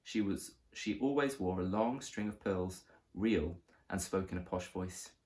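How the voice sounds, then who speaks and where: Man, storybook narrator, lively expressive reading, somewhat low voice. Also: measured pace.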